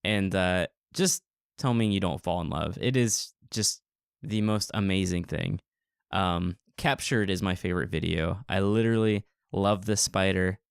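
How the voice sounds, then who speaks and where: Gravelly excitable podcast host, dry sound. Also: male voice, low-pitched, measured pace, no room sound. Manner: excitable, playful teasing. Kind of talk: casual chat.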